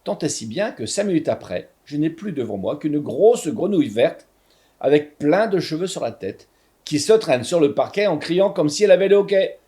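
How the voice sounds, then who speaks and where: A male storyteller reads a tale aloud with animated, theatrical expression. His voice sits fairly high, and his pitch rises and falls a great deal. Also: moderate pace.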